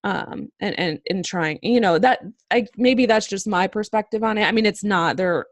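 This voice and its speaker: A woman's voice: medium pitch, moderate pace, no room sound. A young woman co-hosting a podcast, telling a story casually with many ums and restarts. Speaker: podcast co-host.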